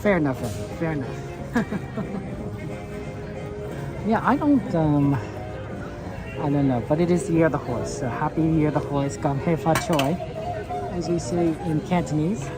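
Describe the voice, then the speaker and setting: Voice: mid-range voice, lively intonation, a little slow, long pauses. A livestream host chatting casually and jokily with viewers in a rambling way, outdoors at a theme park. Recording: loud music and crowd around.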